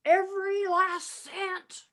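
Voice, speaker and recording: Radio drama: female actor as a flustered uncle, woeful and slow, pitched very high. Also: little pitch movement, fairly bright tone, heavily acted. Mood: panicked. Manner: woeful, fretful. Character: flustered, frightened bank worker named Uncle Billy. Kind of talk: amateur radio play acting.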